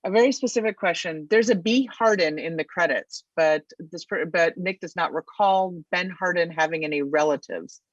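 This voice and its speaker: A woman's voice: fairly low pitch, normal speed, hardly any pauses, dry recording. A woman moderating a film festival question-and-answer session, asking brief questions. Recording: dry, dull sound.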